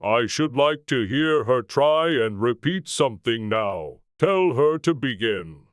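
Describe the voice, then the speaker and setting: A man's voice: medium pitch, very animated, slow, no room sound, studio quality. A man voicing a mournful, thoughtful and easily offended turtle creature in a storybook reading. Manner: ponderous, thoughtful, huffy.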